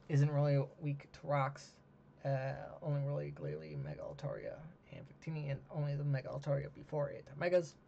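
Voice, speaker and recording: Hoarse young man rambling with ums. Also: mid-range voice, dark tone. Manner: casual, many ums and uhs, thinking aloud. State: losing his voice, clearing his throat. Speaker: host. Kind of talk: solo monologue ranking teams. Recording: dull lo-fi mic with faint hiss.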